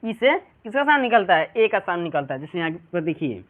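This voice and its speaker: A man's voice: high-pitched, big pitch swings, brisk. A male teacher with a Bihari Hindi accent giving a classroom pronunciation lesson, who keeps asking his students questions and answering them himself. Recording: tinny phone-like sound.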